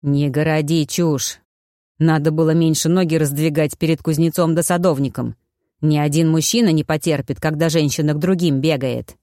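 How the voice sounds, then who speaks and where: A woman's voice: sits low, fairly even intonation, moderate pace, warm tone, dry recording, clean studio sound, natural voice. A woman voicing a scheming male nobleman impostor who speaks in curt, scolding tones.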